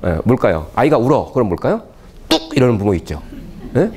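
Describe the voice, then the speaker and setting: A man's voice: fast, slightly rough. A man giving a lecture to parents, constantly firing rhetorical questions at the audience. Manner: animated, swooping pitch.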